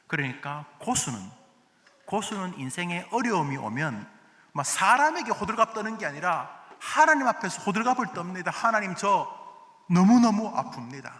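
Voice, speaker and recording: A man preaching a sermon as pastor, swinging from hushed, quiet lines to loud exclaiming ones. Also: a little high, big pitch swings, normal speed. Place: church sanctuary. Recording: long church hall reverb.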